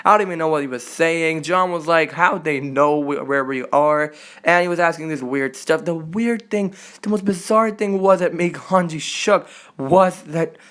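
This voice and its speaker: A young man hosting an anime reaction channel, recapping an episode in an excited, casual way, full of fillers and gushing asides. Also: a little high. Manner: animated, filler-heavy, gushing.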